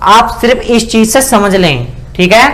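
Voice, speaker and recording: A Sanskrit grammar teacher with a high, animated, slightly bright voice gives a spoken lesson explaining pronunciation. He keeps repeating "ठीक है ना" and sounds out syllables slowly.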